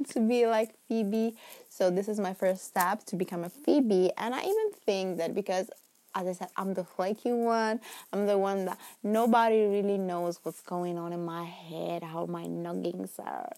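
Speaking a little slowly in a mid-range, darkish voice, an Italian woman in her twenties chats in accented English on her solo podcast. She rambles casually, laughing a lot and now and then lowering her voice to a whisper.

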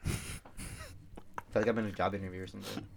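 A man's voice: lowish voice, steady tone, moderate pace, gravelly. A young man co-hosting a casual podcast at home, laughing easily, swearing and searching for words. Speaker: co-host. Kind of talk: casual chat. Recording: faint background noise.

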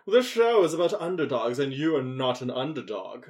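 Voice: mid-range voice, big pitch swings, normal speed, a little mellow. A podcast co-host speaks in a middle register. The delivery is casual, wry and playful, like someone recapping a TV episode with a friend.

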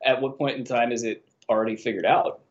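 A male guest on a sports podcast with a mid-pitched voice, talking in a relaxed way that laughs easily and stumbles over repeated words. His audio comes through a bit dull and lo-fi. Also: brisk. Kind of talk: casual sports chat.

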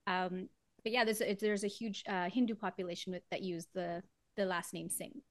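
A woman's voice: mid-range voice, steady tone, normal speed, no echo. Chatty woman, dry close sound. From Trinidad. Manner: chatty, laughs often while explaining. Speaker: guest singer. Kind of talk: casual interview conversation.

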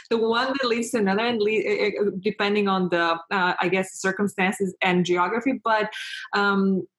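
A woman hosting a conversation, speaking hesitantly with many fillers and laughing easily. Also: mid-range voice. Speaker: podcast host. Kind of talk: casual conversation.

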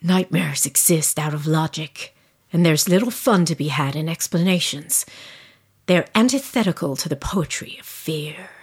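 Woman putting on a hushed brooding male writer. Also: moderate pace, husky. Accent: put-on American-style accent. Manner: low, hushed, half-whispered reading.

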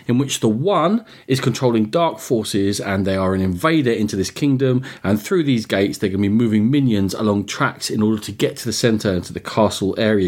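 A man's voice: on the low side, a little mellow. A man co-hosting a casual board game podcast, setting out game details in long running sentences. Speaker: podcast co-host.

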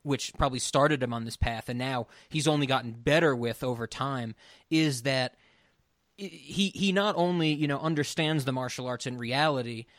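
A man's voice: mid-range voice, moderate pace, a bit bright, no room sound, studio quality. Rambling man in casual podcast chat. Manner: rambling, many restarts and fillers; laughs often. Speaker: podcast co-host.

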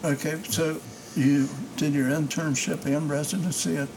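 An older man hosting a podcast interview, talking in a slow, meandering way with many fillers. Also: a little high, flat delivery. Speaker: podcast host. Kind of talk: casual interview. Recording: noisy background.

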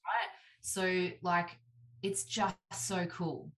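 A woman in her thirties talking casually as a guest, lively and full of "like", acting out what people say. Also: fairly low pitch, extremely slow. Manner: animated, heavy use of "like", acts out quoted voices. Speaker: podcast guest. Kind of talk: casual chat. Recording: roomy echo.

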